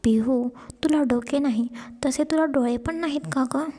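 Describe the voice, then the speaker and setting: A woman voicing a playful, teasing young husband in a storybook romance, speaking softly in a half-whisper. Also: sits high, moderate pace, lightly acted. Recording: long reverb.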